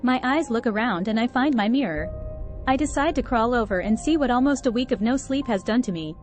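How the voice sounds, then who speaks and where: A woman with a fairly high voice narrates a first-person horror story. Her delivery is tense and dramatic. Quiet music plays underneath. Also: lively intonation, brisk. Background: faint background music.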